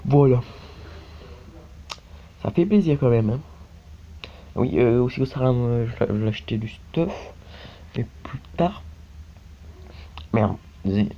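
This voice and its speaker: A man's voice: mid-range voice, lively intonation, unhurried, long pauses. A man from France giving casual, rambling commentary while playing a mobile game, full of fillers and repeated tags. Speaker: gaming YouTuber. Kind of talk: casual let's-play commentary. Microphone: phone screen recording mic. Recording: dull lo-fi audio with faint background hiss.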